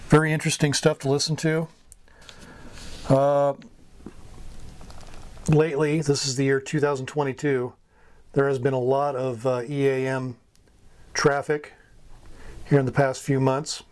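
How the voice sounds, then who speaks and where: An American man, an amateur radio hobbyist, gives an informal explanatory talk to beginners. His medium-pitched voice is a little mellow and flat, and he speaks unhurriedly with frequent pauses.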